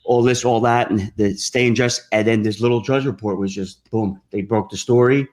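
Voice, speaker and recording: A man's voice: lowish voice, fairly even intonation, moderate pace, darkish tone. A man hosting a comedy podcast, talking in a rambling, opinionated way, swearing freely as he goes. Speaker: podcast host. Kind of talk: casual chat.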